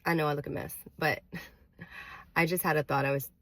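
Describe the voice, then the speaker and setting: A woman's voice: sits low, steady tone, normal speed, fairly bright tone, no echo. A woman with a congested voice, under the weather, giving earnest, careful dating advice straight to her viewers with many fillers. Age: adult with a daughter. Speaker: vlogger. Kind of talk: casual advice to camera.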